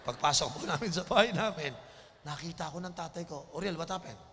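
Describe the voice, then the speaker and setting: Man preaching, bright high voice, animated, soft-to-loud swings, long hall echo. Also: a little fast. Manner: animated, swings from soft to shouting, laughs, mixes in English phrases. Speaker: bishop, preacher. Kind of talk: storytelling sermon. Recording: long hall reverb, faint noise.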